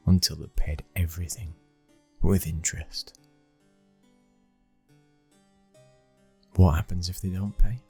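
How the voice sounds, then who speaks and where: Cool and matter-of-fact, a British performer takes on the role of a dominant, brooding heir to a mafia boss in intimate ASMR, keeping his delivery slow and controlled. The voice is low-pitched and exaggerated, with a breathy edge.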